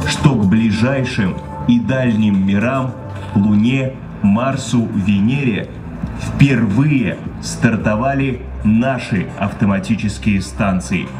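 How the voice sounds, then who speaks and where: A man reading a solemn commemorative script in formal, measured, declamatory phrases. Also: on the low side. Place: outdoor memorial ceremony on an open square, through loudspeakers. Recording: distant, over outdoor loudspeakers with music. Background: music.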